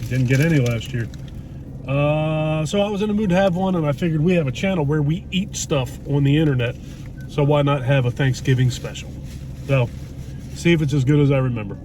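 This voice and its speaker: A middle-aged man talks in a fairly high male voice. He rambles casually and bluntly, with mild swearing, like a food vlogger. The recording has plenty of car-interior noise behind him. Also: brisk, darkish tone. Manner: blunt, mildly profane, rambling. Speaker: food vlog host. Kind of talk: casual chat. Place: inside a parked car in a driveway. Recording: noisy car interior with road hum.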